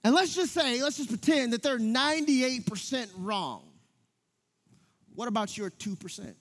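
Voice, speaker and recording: A man in his thirties, a pastor preaching a sermon, who tells stories with lively delivery and speaks directly to the congregation. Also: very high voice, moderate pace, long reverb tail. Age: 30s. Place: church sanctuary.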